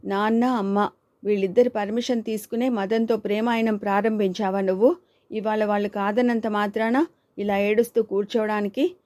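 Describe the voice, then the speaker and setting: A woman's voice: mid-range voice, fairly even intonation, normal speed, lightly acted. A woman voicing Kanchana, an outspoken young woman who scolds and urges her friend, in an audiobook reading. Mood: scolding. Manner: scolding, urging, sharp retorts.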